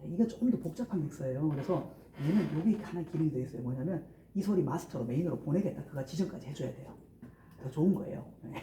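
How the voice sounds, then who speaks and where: A man's voice: a little high, animated, quick pace, mellow, slight background noise. A man teaching church sound, explaining mixer settings step by step and counting into a handheld mic in a large hall. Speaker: audio lecturer. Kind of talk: live hands-on sound workshop. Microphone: handheld microphone through a PA. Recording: roomy distant hall recording.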